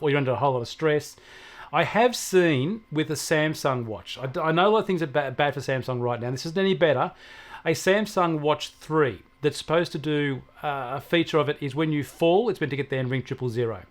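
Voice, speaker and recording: This Australian technology expert, answering questions, talks in a brisk, higher-pitched voice. His advice is conversational and emphatic, with points repeated for emphasis.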